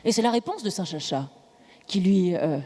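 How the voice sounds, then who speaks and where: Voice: medium pitch, animated, moderate pace, a little mellow, in a large hall. A comic performer leading a parody sermon on stage in a large temple before a live audience, preaching solemnly and building to fervent crying out. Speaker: comic officiant of a mock mass.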